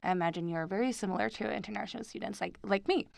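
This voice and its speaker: A woman's voice: medium pitch, rapid-fire, creaky, a little mellow, dry recording. Friendly young woman podcast host. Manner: friendly, gushing, backchannels often. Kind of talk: casual interview.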